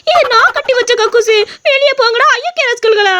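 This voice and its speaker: A woman voicing a male ghost who angrily guards his own toilet, in a shrill, taunting way. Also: a little fast, bright, forceful tone. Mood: angry. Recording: noisy recording.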